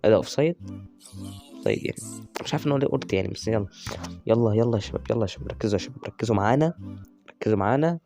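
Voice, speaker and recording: A man with an Egyptian Arabic accent giving excitable, chatty live commentary on a football video game as a gaming YouTuber. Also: fairly low pitch, racing, vocal fry, pauses often, faint music behind. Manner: excitable, chatty, cheers on players by nickname.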